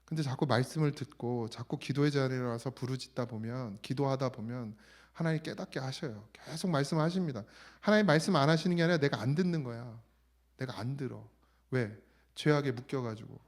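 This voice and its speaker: A middle-aged man delivers a sermon in a church sanctuary. He talks to the congregation in a plain, conversational way and lowers his voice whenever he quotes God. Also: brisk. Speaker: pastor.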